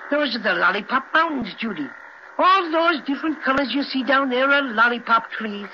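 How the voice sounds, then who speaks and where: A man's voice: extremely high pitch, lively intonation, normal speed. A man playing a small, cocky, friendly toy bear guide with a chirpy, emphatic, folksy delivery, in a 1930s children's radio serial. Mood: chirpy, proud. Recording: muffled, noisy 1930s radio recording.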